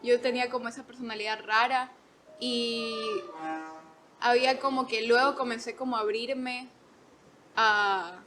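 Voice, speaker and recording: A woman in her twenties, a podcast guest, telling stories in an animated way, laughing often and acting out quotes. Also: a little high, unhurried, noisy background. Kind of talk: casual storytelling.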